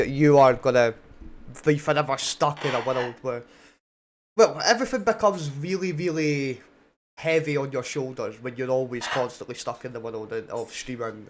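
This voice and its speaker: A man's voice: mid-range voice, slight background noise. A man hosting a casual podcast chat, rambling and coaxing his guest with questions. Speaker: podcast host.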